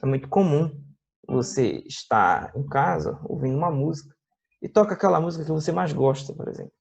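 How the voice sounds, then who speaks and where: A man's voice: a little high, animated, fairly quick, gravelly, breathy edge. A man with a Brazilian Portuguese accent teaching a music lesson, explaining patiently with many tag questions and playing guitar examples. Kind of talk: classroom video lesson. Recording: dull lo-fi recording with faint guitar.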